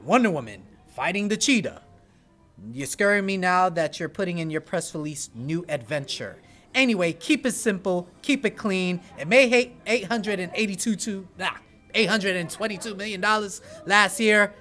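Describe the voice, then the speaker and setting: A man hosting an entertainment news show, talking in an animated, chatty way with playful asides. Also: high voice, normal speed, soft background music. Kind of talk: energetic entertainment news chat.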